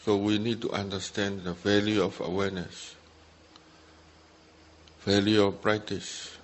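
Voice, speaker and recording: Speaking slowly and with little rise or fall, a non-native English-speaking man with a fairly low voice gives meditation guidance as a Buddhist teacher. It's a retreat talk, delivered in brief, plain phrases with pauses between them.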